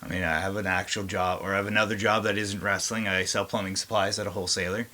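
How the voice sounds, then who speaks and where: A man's voice: low voice, little pitch movement, fast talker, sharp tone. A man, a pro wrestler chatting easily as a guest in a casual interview. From Canada. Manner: easygoing, chatty, laughs now and then.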